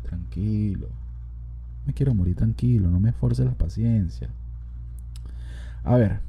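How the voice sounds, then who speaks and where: A man's voice: fairly low pitch, a little slow, creaky, narrow, tinny audio, slight background noise. A young man with a Venezuelan accent, hosting a podcast in a casual comedic monologue, joking, swearing and rambling as he talks. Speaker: podcast host.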